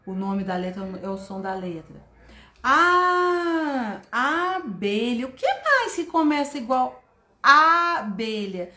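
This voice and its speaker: A woman teaching a live online class to parents and educators, animated and stretching her words, greeting viewers by name. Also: mid-range voice, normal speed. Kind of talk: live-stream teaching talk. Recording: roomy echo, faint background noise.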